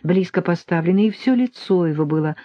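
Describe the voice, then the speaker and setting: Low-ish woman reading an audiobook slowly, dry dull sound. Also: no echo. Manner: calm, measured reading. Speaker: audiobook narrator. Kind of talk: scripted narration.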